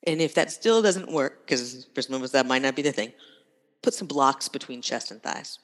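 A woman instructor guiding a yoga class with calm, unhurried cues in short, breath-led phrases. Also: a bass voice. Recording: long reverberant room echo.

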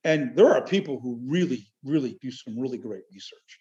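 A man talking casually in an interview, halting and rambling but enthusiastic. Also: mid-range voice, lively intonation, mellow. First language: Chiac French. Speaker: amateur military history researcher, podcast guest. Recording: dull, lo-fi audio.

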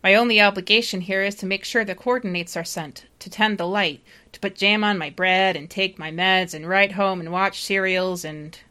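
A woman playing a panicked, doomed lighthouse keeper in space, delivering a halting, confessional distress-call monologue. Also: mid-range voice, steady tone, sharp tone, natural voice. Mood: anxious, despairing. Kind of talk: dramatic first-person monologue read aloud.

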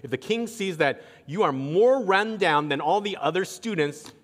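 A preacher voicing a nervous royal official. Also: male voice, high-pitched, lively intonation, moderate pace, a bit bright, voice pushed up. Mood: worried. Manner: anxious, casual pleading. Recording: long reverb of a large hall.

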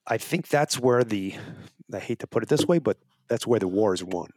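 A man's voice: on the low side, expressive, moderate pace, darkish tone, dry recording, clean studio sound. A man being interviewed as a wildlife advocacy guest, talking in an earnest, persuasive way and often restarting his phrases. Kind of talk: casual interview talk.

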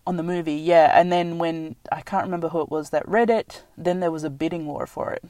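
A woman's voice: deep voice, brisk, dark tone, no room sound. A woman co-hosting a casual movie chat, rambling with many fillers and laughing often, chewing as she talks. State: chewing while talking. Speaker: podcast co-host. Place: in a car.

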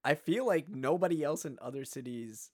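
A man's voice: a little high, normal speed, husky. A young man co-hosting a podcast, telling a story casually, with lots of fillers and voices for the people in it. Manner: animated, acts out quoted voices, many fillers. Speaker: podcast co-host.

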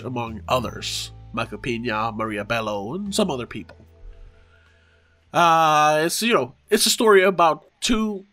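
A man with a head cold, slightly wheezy, talks casually and haltingly as a podcast host, repeating words and drifting into asides. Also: on the high side, a bit bright. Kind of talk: casual conversational podcast talk.

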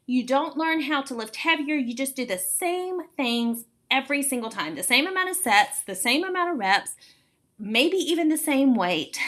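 A woman's voice: sits high, pushed and bright. A woman in her late forties, hosting a casual fitness podcast as an encouraging, emphatic coach. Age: late 40s. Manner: encouraging, emphatic, repeats words for stress. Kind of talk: casual explanatory podcast talk.

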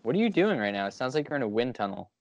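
A man's voice: mid-range voice, sing-song, very fast, dull audio. A man chatting casually about sports as a podcast co-host.

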